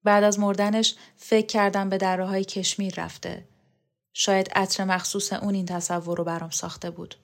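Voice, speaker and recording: A woman's voice: mid-range voice, natural voice. Vahab, a wistful man reminiscing, as a woman reads him. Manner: soft, dreamy recollection. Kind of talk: audiobook character reading.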